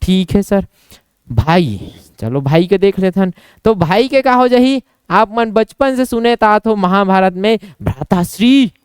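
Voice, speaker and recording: A man's voice: sits high, expressive, unhurried, clear, resonant tone, dry recording, clean studio sound. A young man with a Chhattisgarhi accent teaching an exam-prep Hindi lesson, playfully acting out little scenes and quizzing himself.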